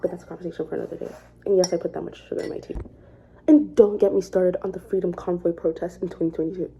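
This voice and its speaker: A woman vlogger with a sick voice rants in a casual, sarcastic way. Her voice sits on the low side and sounds dark and mellow. The recording is a bit dull and lo-fi. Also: fairly even intonation, fast, gravelly, a little hiss or hum. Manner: sarcastic, chatty rant. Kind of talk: casual ranting commentary.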